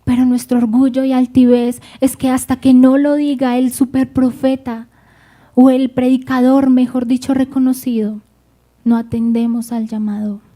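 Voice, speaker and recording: A woman's voice: high-pitched, level tone, moderate pace, dark tone. A woman preaching a sermon, speaking fervently and addressing the congregation directly.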